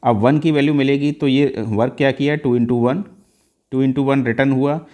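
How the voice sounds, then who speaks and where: A man teaching an exam-prep lesson on code, mixing Hindi and English and stepping slowly through each value with frequent "uh" fillers. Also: medium pitch, fairly even intonation, mellow.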